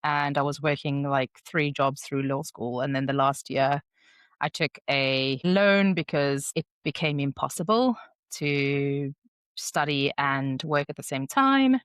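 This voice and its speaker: A woman with a low, grounded voice talks through a solo podcast episode. Her delivery is candid and reflective, like an easy conversation. The recording is dry and close, with no room sound. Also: a little slow, clean tone, dry recording. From South Africa. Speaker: podcast host.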